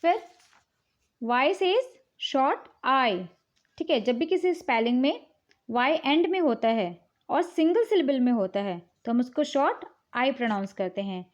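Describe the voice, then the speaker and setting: A woman's voice: sits high, animated, measured pace. A woman teacher explaining English spelling rules patiently, mixing in English words and checking in often. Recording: dull, lo-fi recording.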